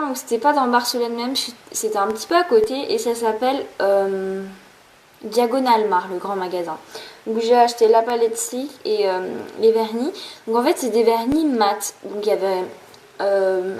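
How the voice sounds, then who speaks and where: A young woman with a fairly high, slightly mellow voice chats through a beauty haul in a casual vlog, rambling with lots of fillers and restarts. The recording quality is low.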